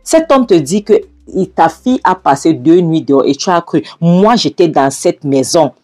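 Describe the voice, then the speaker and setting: A woman's voice: sits low, animated, normal speed, darkish tone, faint music behind. A woman voicing an indignant friend who scolds and presses with many questions. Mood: insistent. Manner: scolding, insistent.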